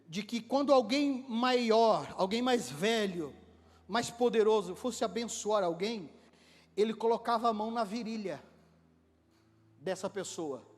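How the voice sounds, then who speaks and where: High-voiced Brazilian pastor in an echoing church. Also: male voice, measured pace, long pauses. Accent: Brazilian Portuguese. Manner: animated preaching, acts out dialogue, jokes with congregation. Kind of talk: sermon. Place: church hall. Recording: long hall reverb in a church.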